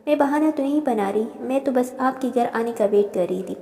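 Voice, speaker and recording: A woman's voice: fairly high pitch, normal speed, dark tone, natural voice. A woman voicing a playful, cheeky young female student in a storybook reading. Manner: bubbly, cheeky. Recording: roomy reverb.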